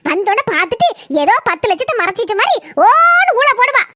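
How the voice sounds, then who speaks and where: A woman's voice: very high-pitched, sing-song, fairly quick, sharp tone, slight background noise, heavily acted. A woman voicing a gossipy, exaggerating village housewife in a cartoon, with a southern Tamil Nadu village dialect. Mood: gossiping. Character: gossiping village housewife complaining about in-laws. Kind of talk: cartoon voice acting.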